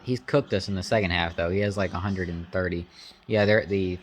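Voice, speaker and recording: A man giving casual, opinionated live reactions to a sports game, slangy and informal, swinging between excitement and grumbling. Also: sits low, a little fast.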